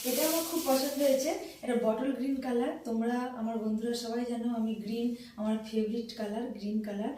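A middle-aged woman chatting softly and gushing as she shows off things she bought. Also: fairly high pitch, very echoey, distant mic, low-quality recording. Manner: chatty, gushing, repeats herself; soft, hushed talk. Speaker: vlogger showing purchases. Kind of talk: casual show-and-tell chat.

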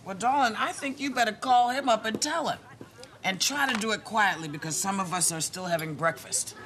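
Casting: actress as blunt, wisecracking sitcom woman, mid-pitched, dry delivery, noisy studio-audience soundtrack. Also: a little fast, a crowd in the background, lightly acted. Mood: brusque, exasperated. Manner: deadpan, wisecracking. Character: blunt, brash, hungover hotel-owning woman. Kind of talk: multi-camera sitcom acting.

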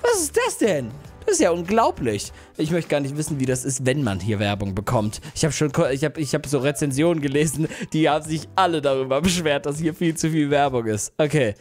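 Excitable young German-speaking gamer man. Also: a little high, brisk, few pauses, soft background music. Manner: excitable, yelps and shouts in fright. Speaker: YouTuber. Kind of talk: let's play commentary.

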